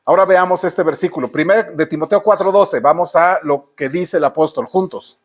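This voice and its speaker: High-voiced Mexican preacher. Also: male voice, a little fast. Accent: Mexican Spanish. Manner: preaching with rhetorical questions to the congregation. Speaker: pastor. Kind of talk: sermon. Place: church.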